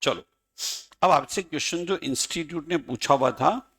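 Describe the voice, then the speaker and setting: A man's voice: fairly high pitch, normal speed, a bit bright, breathy edge. Playful male teacher. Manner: playful, addresses students by name, chanting mock examples. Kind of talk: classroom lecture.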